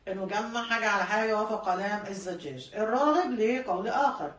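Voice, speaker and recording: A woman's voice: medium pitch, lively intonation, quick pace, roomy sound, recorded from a distance. A woman with an Egyptian Arabic accent, teaching a classroom lesson and explaining patiently, repeating key points and correcting herself mid-word. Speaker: religious studies teacher. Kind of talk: classroom lecture.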